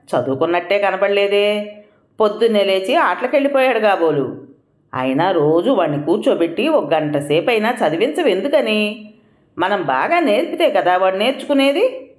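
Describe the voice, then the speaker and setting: A woman's voice: mid-range voice, big pitch swings, moderate pace, natural voice. A woman voicing an impatient, irritable husband who scolds and makes demands in a storybook reading. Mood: scolding. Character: impatient grumbling husband, middle-aged man. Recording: roomy echo.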